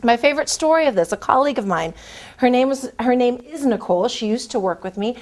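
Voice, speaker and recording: A woman's voice: fairly high pitch, lively intonation, quick pace, darkish tone. A woman recruiter giving career advice in a conversational, emphatic way, speaking directly to her listeners. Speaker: corporate recruiter.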